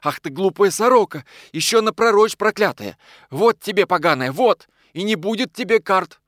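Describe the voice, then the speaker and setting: A man putting on a brash, superstitious working man in a storybook reading, his voice pushed up and lively. He sounds gruff and quick to scold, in a dry, close recording. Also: high-pitched, no echo, voice pushed up. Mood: angry. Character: boastful, short-tempered working man, superstitious. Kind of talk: audiobook character voice.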